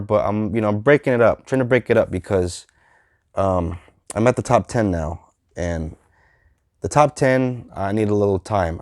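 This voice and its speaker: Thirties male vlogger, deep voice, loose and halting delivery, dry room. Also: darkish tone, no room sound. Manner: halting, heavy with fillers and restarts. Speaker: movie reviewer. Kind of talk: casual unscripted vlog.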